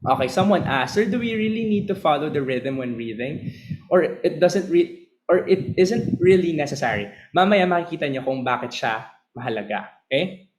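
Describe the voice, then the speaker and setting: A man teaching a class, switching between Tagalog and English, often asking the students whether they follow and reading verse slowly. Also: a little high, animated, rough recording. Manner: slow, drawn-out reading of verse lines. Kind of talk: lecture mixing Tagalog and English.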